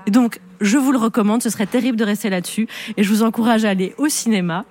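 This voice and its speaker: A Belgian woman with a La Louvière accent hosts a casual radio interview. She talks in a teasing, playful way, her voice sitting fairly high. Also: steady tone, quick pace, darkish tone. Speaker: radio host.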